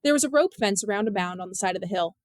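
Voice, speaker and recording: A woman reading a novel aloud in measured, expressive storytelling narration. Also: medium pitch, no echo, clean studio sound. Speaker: audiobook narrator. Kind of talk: scripted narration.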